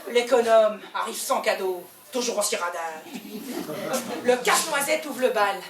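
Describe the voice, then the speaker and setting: A woman with a Belgian French accent performing a theatrical stand-up monologue on stage, swinging between loud outbursts and hushed asides. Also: fairly high pitch, animated, moderate pace, a crowd in the background. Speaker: comedian. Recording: echoey hall, voice from far off, faint ambience.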